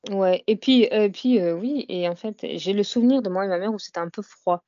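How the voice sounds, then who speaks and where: A woman's voice: mid-range voice, brisk, dark tone, no room sound, muffled recording. A young woman as an interview guest, talking casually and hesitantly, with many fillers and "you know" tags. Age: young adult.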